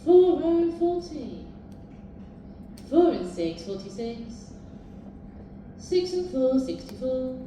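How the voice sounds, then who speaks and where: A woman's voice: high-pitched, very animated, mellow. British woman bingo caller in an echoey hall. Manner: sing-song, formulaic announcing with measured repetition of each number. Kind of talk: live bingo calling, numbers announced in sing-song pairs. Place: large echoing indoor bingo hall. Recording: very echoey hall, distant, noisy.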